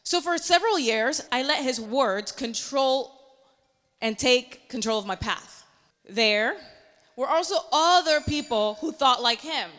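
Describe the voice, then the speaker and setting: A woman's voice: high-pitched, lively intonation, unhurried, fairly bright tone, big-room sound. A woman, an earnest meteorologist telling her personal story in a motivational speech. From Panama.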